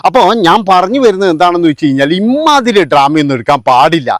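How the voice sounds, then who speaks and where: A man's voice: high voice, sing-song, fast, dry recording, studio quality. A man giving sarcastic vlog commentary, mocking and scornful as he picks apart what he has watched. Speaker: vlogger.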